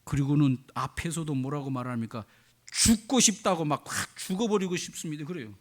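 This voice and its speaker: A man's voice: a little high, lively intonation, a little fast. A man preaching a sermon as a pastor. He acts out quoted prayers and keeps asking the congregation questions.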